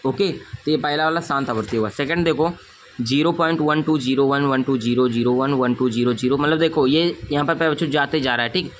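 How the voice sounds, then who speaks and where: A man's voice: medium pitch, fairly quick, slight background noise. A young man teaching a school math lesson, who keeps checking "okay?" and calls his students dear children. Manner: repeats "thik na" often, addresses students as dear children.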